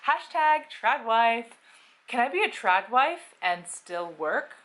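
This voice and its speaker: A woman's voice: fairly high pitch, very animated, slow, low-quality recording. A woman in her thirties giving an opinionated, stream-of-consciousness monologue at home while putting on her makeup. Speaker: vlogger.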